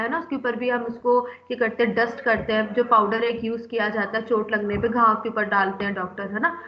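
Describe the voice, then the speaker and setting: A woman's voice: a little high, echoey room, dull audio, a little hiss or hum. A woman teaching a pharmacy class, explaining step by step, often checking in with the students and mixing in English terms. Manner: explains step by step, keeps asking "है ना?". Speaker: pharmacy lecturer. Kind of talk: classroom lecture.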